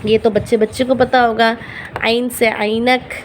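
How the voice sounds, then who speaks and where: In this rough-sounding, low-quality clip, a native Urdu speaker coaches beginners on Arabic letter sounds for Quran reading. She repeats each one slowly and patiently, her voice on the high side with little pitch movement, over a faint hiss or hum.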